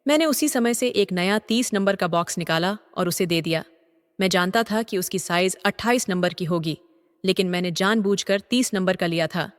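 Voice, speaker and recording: An older man narrating a story in a steady, even reading voice. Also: high voice, normal speed. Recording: long reverb.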